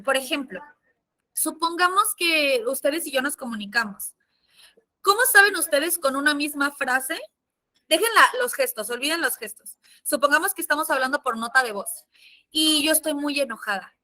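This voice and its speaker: Mexican woman teacher, high bright voice, expressive and chatty. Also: moderate pace. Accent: Mexican Spanish. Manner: lively, expressive, chatty with fillers. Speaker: sign language interpreter and teacher. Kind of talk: casual classroom lesson.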